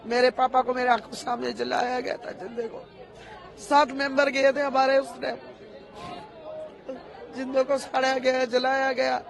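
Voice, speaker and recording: A woman's voice: high-pitched, flat delivery, measured pace, vocal fry, pauses often, a faint crowd. A middle-aged woman in a street interview, insistently repeating her demand for justice as a victim's daughter.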